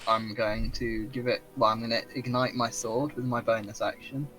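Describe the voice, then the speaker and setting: A man's voice: mid-range voice, fairly even intonation, normal speed, loud music behind the voice. A man playing a tabletop game, speaking casually, hesitant and polite. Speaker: player.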